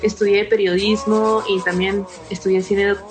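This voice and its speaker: A woman's voice: medium pitch, little pitch movement, normal speed, soft background music. A young woman from California, a documentary filmmaker, giving a thoughtful personal testimony in an interview. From California, United States.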